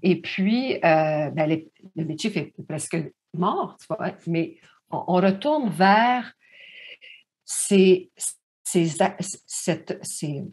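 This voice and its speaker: A woman's voice: mid-range voice, a little mellow. A woman with a Franco-Manitoban French accent, speaking as a panelist in a discussion, thoughtful and often restarting her sentences. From Manitoba, Canada.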